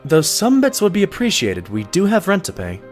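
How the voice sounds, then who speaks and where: Man as Doctor Trotson, animated earnest pony sidekick. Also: sits high, fairly quick, soft background music. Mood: exasperated. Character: loyal, earnest stallion doctor, exasperated detective's companion. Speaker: narrator and sidekick. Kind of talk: audio drama narration and dialogue.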